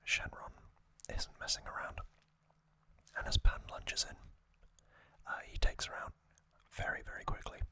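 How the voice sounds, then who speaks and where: This ASMR host is a man who summarizes a tale in soft, airy whispers, hesitating now and then in a tender way.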